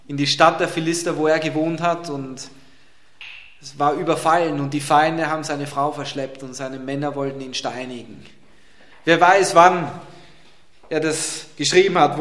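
A man preaching a sermon who swings dramatically between loud, emphatic lines and hushed, quiet ones. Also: a little high. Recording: roomy echo.

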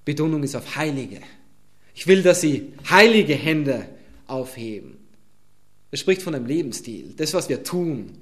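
A pastor preaching, expounding a Bible passage and speaking directly to his congregation. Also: a little high. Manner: addresses congregation directly, emphatic Bible exposition. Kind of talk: sermon.

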